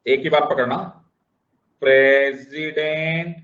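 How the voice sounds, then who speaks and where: A man teaching a classroom lecture, animated and repeating checks on whether everyone understands, switching between Hindi and English. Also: on the high side, slow. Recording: roomy, dull classroom sound.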